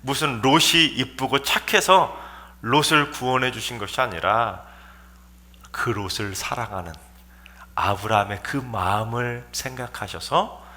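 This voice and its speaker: Emphatic man, bright sermon voice. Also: medium pitch, unhurried. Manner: emphatic, dramatic rhetorical questioning. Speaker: pastor.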